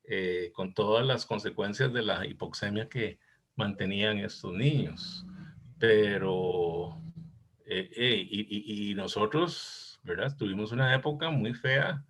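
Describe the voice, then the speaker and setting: Man, 60s, cardiologist in a seminar: slow, husky, lower voice, hesitant and reflective. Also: a bit bright. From Costa Rica. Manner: thoughtful, reminiscing, hesitant. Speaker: cardiologist discussing a case presentation. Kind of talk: academic case discussion.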